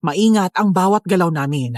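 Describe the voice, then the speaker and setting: Woman telling a scary true story, lowish voice, dry close mic. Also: moderate pace, no echo. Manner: steady, somber storytelling. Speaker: narrator. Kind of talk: first-person horror story narration.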